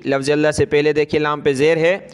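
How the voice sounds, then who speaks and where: Guy teaching quran reading, kinda high clean voice, spells it out letter by letter then recites real drawn out. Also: flat delivery, fast talker, smooth.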